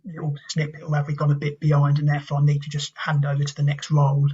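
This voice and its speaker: Husky man on a dull-sounding call. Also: on the high side, monotone, fast, warm tone. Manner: agreeable, says yeah often. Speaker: club member. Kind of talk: casual video call chat.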